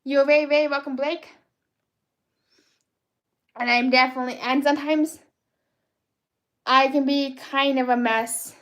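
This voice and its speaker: High, childlike woman chatting on a livestream. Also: fairly even intonation, measured pace, pauses often, fairly bright tone. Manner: childlike, playful, chatty with frequent restarts. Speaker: livestream artist host. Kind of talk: casual livestream chat while drawing.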